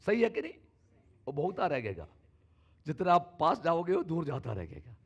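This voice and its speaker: A male pastor preaching a sermon in a church, shifting between sudden loud calls and soft asides. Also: fairly high pitch, wildly swooping pitch, moderate pace, husky, muffled recording.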